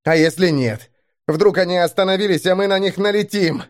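A man voicing a panicky male truck driver whose nerves are fraying, shouting in fear. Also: high voice, brisk, voice pushed up, natural voice. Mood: nervous.

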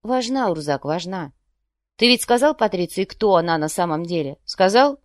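A woman's voice: lowish voice, animated, moderate pace, no room sound, close to an everyday voice. Woman reading as a sneering bald schemer. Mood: mocking. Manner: sneering, then softly fatherly. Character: mocking bald older man, scheming and calm.

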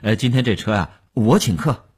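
A man's voice: medium pitch, moderate pace, darkish tone, slightly rough. A man voicing a cheeky, spoiled young male saxophonist who asks for favors with easy unabashed charm in a storybook reading. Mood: wheedling. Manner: casual, pleading, unabashed.

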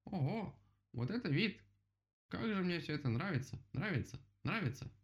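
A man doing a chirpy, shouting woodpecker. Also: high-pitched, big pitch swings, fairly quick, pitched above the performer's own voice. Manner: chirpy and shouting, repeats words. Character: cheerful, tireless male woodpecker. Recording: dull lo-fi recording.

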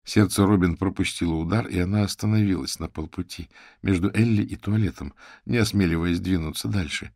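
Man narrating an audiobook, deep gravelly voice, dry close sound. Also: a little fast, darkish tone, dry recording. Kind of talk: scripted narration.

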